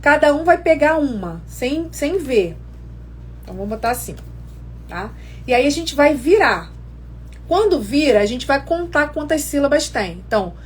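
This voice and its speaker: A woman's voice: sits high, slightly rough. A woman explaining literacy games step by step in a casual live lesson, often checking in with viewers. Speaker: educator teaching literacy games.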